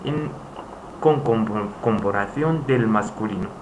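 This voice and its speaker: Slow man teaching. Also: fairly low pitch. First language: Arabic. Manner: slow, halting, repeats phrases. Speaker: Arabic teacher. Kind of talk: screen-recorded language lesson. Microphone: voice-over on screen recording. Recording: echoey room, faint hiss.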